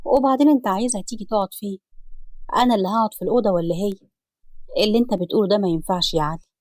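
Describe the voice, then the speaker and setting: A woman's voice: medium pitch, very fast, darkish tone, no echo, natural voice. A woman with an Egyptian accent voicing a stubborn, dismissive sister, in a storybook reading. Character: stubborn, selfish adult sister.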